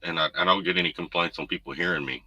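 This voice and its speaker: Over background noise, a deep-voiced man runs a laid-back livestream from home as a trucker host, rambling through comments from viewers. His speech is rapid-fire with fairly even intonation and a bright, forceful tone, recorded on a desk USB condenser mic with no echo but poor audio.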